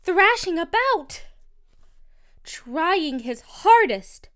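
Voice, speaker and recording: A woman reading a rhyming children's picture book aloud as narrator, in a slow, expressive, sing-song delivery. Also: extremely high pitch. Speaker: storybook narrator.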